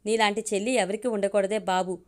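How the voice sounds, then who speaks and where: A woman's voice: mid-range voice, fairly even intonation, quick pace, lightly acted. A woman voicing a young man who grumbles and jokes at his younger cousin in a spoken audio story. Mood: grumbling.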